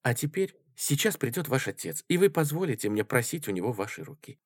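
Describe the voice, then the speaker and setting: A man's voice: mid-range voice, sing-song, brisk, no room sound, studio quality. A man reading an audiobook, voicing a cool, dismissive male student who talks in a firm, lecturing way. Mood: businesslike.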